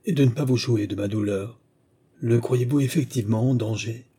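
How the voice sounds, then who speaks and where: A man's voice: mid-range voice, normal speed, warm tone, breathy edge, natural voice. A man voicing a reserved young woman who presses firmly and pleads for a straight answer, in an audiobook. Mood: pleading. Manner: firm, pleading.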